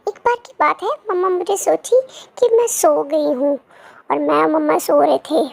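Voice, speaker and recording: A woman's voice: sits high, moderate pace, gravelly, no room sound. A woman voicing a chatty, cheerful baby girl who narrates her own day in a cutesy vlog, talking playfully straight to the viewers.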